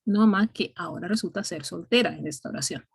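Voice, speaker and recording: Husky-voiced woman teaching English grammar. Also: lowish voice, fast. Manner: patient, explains step by step, checks with "ok?". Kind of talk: online class explanation.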